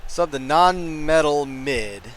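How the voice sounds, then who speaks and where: A man's voice: fairly high pitch, expressive, takes it slowly, slight background noise. A tired, yawning man giving casual, joking commentary over a live-streamed football game, with rambling asides. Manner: jokey, rambling asides, laughs often. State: sleepy, yawning.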